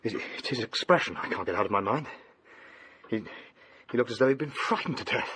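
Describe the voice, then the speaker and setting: An actor playing an anxious young English gentleman in a radio drama, earnest, well-spoken and a little hesitant. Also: mid-range voice, expressive, fairly quick, noisy background, lightly acted. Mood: shaken. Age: young adult.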